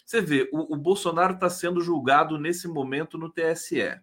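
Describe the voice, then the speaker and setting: A man's voice: on the high side, moderate pace, a bit bright. A man from Brazil with a Brazilian Portuguese accent, hosting a casual political chat and often ending phrases with tag questions. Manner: conversational, leans on "né?" tags, slight stammering. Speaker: host.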